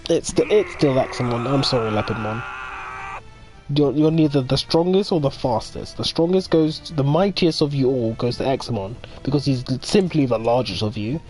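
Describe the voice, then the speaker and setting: A man hosting a game playthrough who talks in an excitable, rambling way as he comments. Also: medium pitch, moderate pace, faint music behind. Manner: excitable, rambling fan talk. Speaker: gaming video host. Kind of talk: casual let's play commentary.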